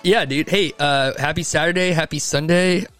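A man co-hosting a dad podcast from home over a call, jokey and quick to get excited. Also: fairly high pitch, soft background music. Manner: jokey, excitable, laughs often. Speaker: podcast co-host. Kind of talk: casual chat. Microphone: remote call recording.

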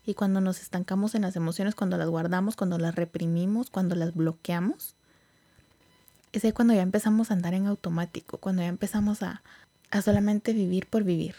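A woman hosting a podcast, speaking in a casual, reflective way with many fillers and some soft whispered asides. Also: lowish voice, steady tone, a little fast, no echo. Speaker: podcast host.

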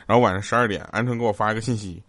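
A man hosting a comedy radio show, telling jokes and funny stories with frequent chuckles and lively voices for the people he quotes. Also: lowish voice, rapid-fire, no room sound. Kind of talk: joke-telling comedy chat.

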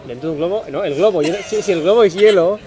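A young man, quickly objecting and arguing in casual chat with friends. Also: high voice, darkish tone. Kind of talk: casual banter among friends.

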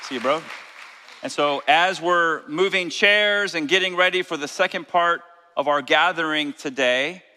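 A man's voice: fairly high pitch, unhurried, sharp tone, some chatter behind. A male pastor preaching a sermon, calling out to the congregation with rising fervor. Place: church sanctuary. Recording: long church hall reverb.

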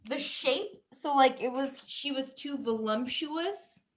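A woman's voice: sits high, slow pace. A woman co-hosting a casual podcast, asking wry, teasing questions. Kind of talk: casual chat.

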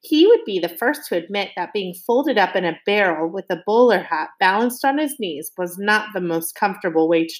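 A woman reading a children's novel aloud in a lively way, slowing down for emphasis and turning to her young listeners with questions. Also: mid-range voice. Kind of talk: expressive read-aloud of a novel.

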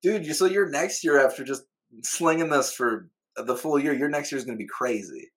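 A man's voice: mid-range voice, a little fast, fairly bright tone. A man chatting casually as an interviewer, with slangy, hyped frat-bro banter. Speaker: podcast host interviewing a guest. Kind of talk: casual chat.

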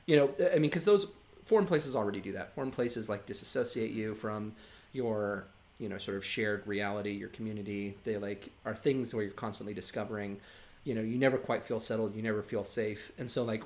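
A man's voice: fairly low pitch, a little mellow. Man musing casually about a book. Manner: thoughtful, heavy use of "like" and "you know". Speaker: podcast co-host.

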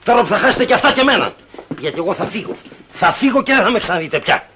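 A raging, half-mad husband. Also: male voice, sits high, sing-song, a little hiss or hum, full character voice. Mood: bitter. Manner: shouting, stammering, theatrical outbursts. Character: middle-aged husband raging, half-mad over his money. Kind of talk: 1960s comedy film acting.

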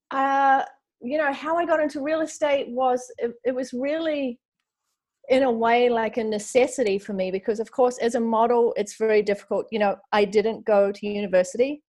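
A woman in her forties from New Zealand, speaking with a Kiwi accent, chats casually as a podcast guest, full of fillers and often quoting her own thoughts. Her voice is fairly high, steady, and darkish, at a normal pace.

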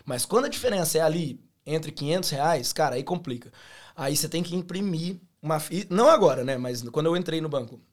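A Brazilian man in his thirties, a podcast guest and former bank teller, telling animated stories in casual chat, slangy and often restarting his sentences. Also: a little high, a little fast.

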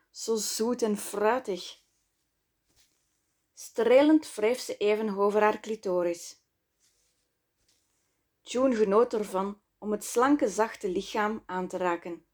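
A woman reading her own book aloud in slow, measured, intimate scripted narration. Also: mid-range voice, a little mellow. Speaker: author and narrator.

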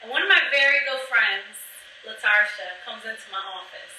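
A woman's voice: mid-range voice, normal speed, noisy background. A woman chatting casually as a podcast host, telling a personal story straight to her listeners with plenty of fillers. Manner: chatty, addresses listeners directly, many fillers. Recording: echoey room, mic at a distance.

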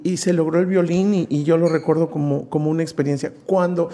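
A man's voice: fairly high pitch, quick pace. A man, a preacher telling a personal testimony in an interview, acting out the voices he quotes. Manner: lively storyteller who acts out quoted voices. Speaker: preacher, guest.

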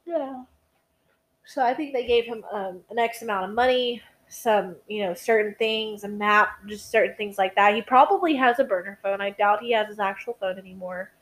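A woman's voice: medium pitch, normal speed, a bit bright, rough recording. A tired young woman co-hosting a casual true-crime podcast, rambling, swearing and restarting her sentences. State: tired, yawning. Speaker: podcast co-host.

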